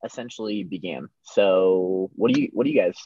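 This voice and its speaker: A man's voice: deep voice, normal speed, dark tone, dry recording. Young guy from california hosting a chill podcast inside a small camper, dry kinda dull sound. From California, USA. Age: young adult. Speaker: podcast host. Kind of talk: casual podcast talk.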